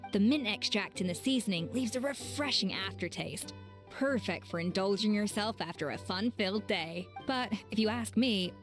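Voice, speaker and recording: A woman voicing a calm, courteous female chef in game dialogue. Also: medium pitch, lightly acted. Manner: smooth, measured and courteous.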